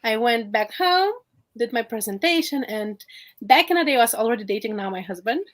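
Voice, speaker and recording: A young woman from Lithuania talks as an interview guest. Lithuanian is her first language. Her voice is high for a woman, and she tells her story in a lively, playful way. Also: brisk, rough recording. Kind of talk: casual interview chat.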